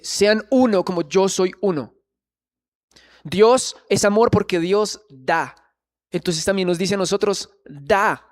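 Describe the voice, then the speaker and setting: A man preaching a sermon in church, earnestly questioning the congregation. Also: high voice.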